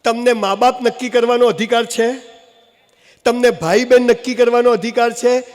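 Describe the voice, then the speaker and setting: A man from Gujarat, India, giving a humorous motivational speech, telling animated stories with jokey asides. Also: very high-pitched, normal speed. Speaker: motivational speaker. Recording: long hall reverb, faint noise.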